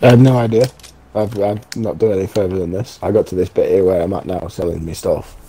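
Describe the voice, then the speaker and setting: A man talks his mates through a co-op game in a deep, mellow voice. He is blunt and sweary, and a faint hiss sits under his voice. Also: fairly even intonation, brisk. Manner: blunt, sweary, matter-of-fact. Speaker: co-op gamer. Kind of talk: casual gaming chat.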